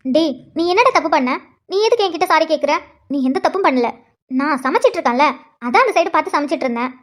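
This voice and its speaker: A woman's voice: sits high, animated, fast. A woman voicing an affectionate elder sister who deflects and hesitates when questioned, in a cartoon. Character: tender, evasive elder sister. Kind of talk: cartoon voice acting.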